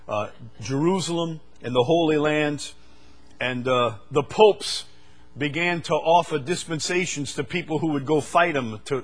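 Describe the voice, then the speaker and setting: Preaching a sermon, an older man from the United States speaks at medium pitch and moves from loud, fervent passages to quieter asides.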